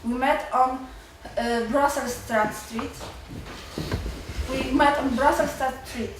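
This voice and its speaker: A stressed university student from Poland, in her twenties, nervously speaks up from the floor of a seminar room in halting, unscripted remarks, breaking off and repeating words. Her Polish-accented voice sits high with a steady tone, and the hall sound is very echoey, distant, and faintly noisy.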